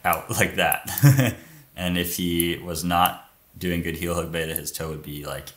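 A man's voice: low-pitched, measured pace. A man co-hosting a casual climbing technique breakdown, explaining moves and pointing things out on screen.

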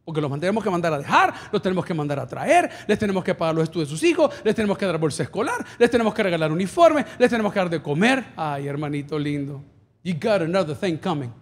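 A male pastor preaching a sermon from the stage of a large church, building to emphatic peaks and firing off quick lists. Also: high-pitched, very animated. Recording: long hall reverb.

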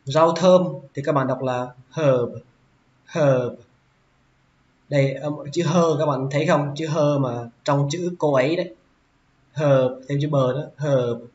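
A man teaching English vocabulary, who says each word slowly and repeats it several times. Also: a little high, a little mellow. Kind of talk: vocabulary lesson. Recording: roomy, dull lo-fi sound.

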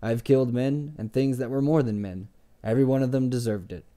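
A man's voice: medium pitch, steady tone, fairly quick, warm tone, natural voice. A man reading aloud and voicing a guarded innkeeper with a dry, cutting, sarcastic way of talking. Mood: sardonic. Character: guarded sardonic male innkeeper, middle-aged.

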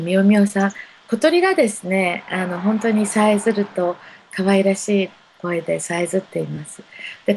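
Gentle, gravelly-voiced woman counselor. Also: on the low side, a little hiss or hum, low-quality recording. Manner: gentle, unhurried, many soft fillers. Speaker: spiritual counselor. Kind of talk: live-stream readings for viewers.

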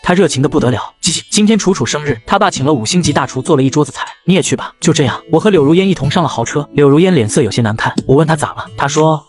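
A man narrating a web novel in a steady scripted reading. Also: a little high, rapid-fire, hardly any pauses. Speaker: story narrator.

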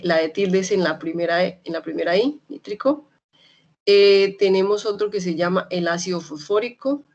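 A young adult woman with a Colombian Spanish accent from Medellín teaches chemistry in an online class lecture, lively and chatty, often checking that students follow. When a key term appears, she slows down, spells it out and repeats it several times. Her voice is mid-range and the recording is muffled.

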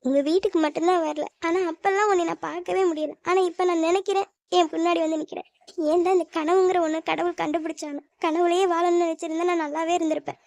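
A woman's voice: very high voice, steady tone, fast talker, vocal fry, a little mellow, no room sound, studio quality. A woman voicing a lovesick, tearful young woman in a cartoon, plaintive and sulky. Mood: longing. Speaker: voice actor. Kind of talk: cartoon voice acting.

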